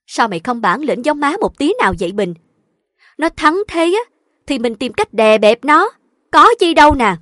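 A woman's voice: high-pitched, lively intonation, a little slow, pauses often, dry recording, clean studio sound. A woman voicing a domineering, scheming middle-aged mother who scolds her daughter. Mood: scolding. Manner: bossy, scolding.

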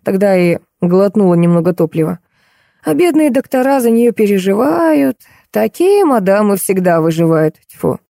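A gruff, scornful middle-aged nurse in an audiobook, read by a woman, laying out her contempt in blunt, ranting sentences. The tone stays mellow and warm. The sound is dry and close. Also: medium pitch, big pitch swings, normal speed, dry recording.

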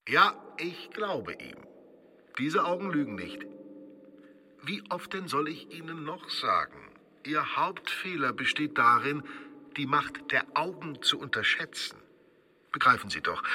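A sly, teasing stage conjurer. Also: male voice, a little high, big pitch swings, measured pace, bright, forceful tone, slight background noise, full character voice. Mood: persuasive. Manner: smooth, coaxing, mock-confidential. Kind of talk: radio drama acting.

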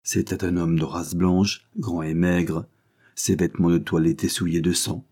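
Brief: male audiobook narrator, very low husky voice, dark tone, steady measured reading. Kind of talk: audiobook reading of an adventure novel.

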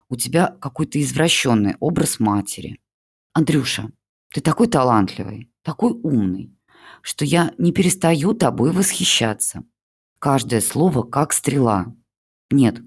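In an audiobook, a reader with a mid-range, slightly breathy voice plays a melodramatic older mother. She acts like a pitiful old woman and showers her son-in-law with gushing, theatrical flattery.

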